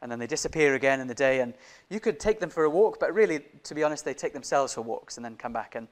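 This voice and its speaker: A young man preaching a sermon in a church, who grew up in Indonesia, talking with lively gestures and asking many questions of the congregation. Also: mid-range voice, fast. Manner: animated, gestures broadly, many rhetorical questions. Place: church hall, indoors. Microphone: lapel mic.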